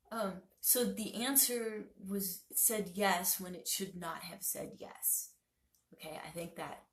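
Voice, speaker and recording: Gravelly low-voiced woman vlogger. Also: echoey room. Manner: rambling, self-correcting, many fillers. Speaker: spiritual vlogger. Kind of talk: casual talk to camera.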